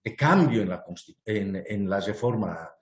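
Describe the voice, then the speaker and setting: A man's voice: fairly low pitch, lively intonation, measured pace, roomy sound. A man, a guest speaker making an earnest, argumentative case in an online panel talk, with many fillers and restarts. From Bolivia. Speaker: guest speaker presenting a proposal.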